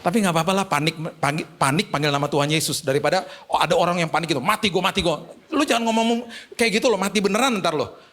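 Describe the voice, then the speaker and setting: A male pastor, preaching a sermon through lively, humorous storytelling. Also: high voice, fast.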